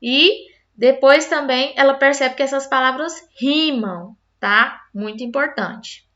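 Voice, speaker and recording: A woman's voice: sits high, takes it slowly, fairly bright tone, lo-fi sound. A woman teacher explaining a lesson patiently, step by step, often checking in with her listeners. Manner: patient, explains step by step with frequent "tá?" tag questions.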